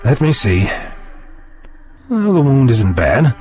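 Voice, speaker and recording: An actor playing an eccentric, eager and fussy time-travelling doctor in an audio drama, whimsical and wordy. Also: male voice, mid-range voice, very animated, slow, a little mellow, faint music behind. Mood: brisk, reassuring. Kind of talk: scripted audio drama acting.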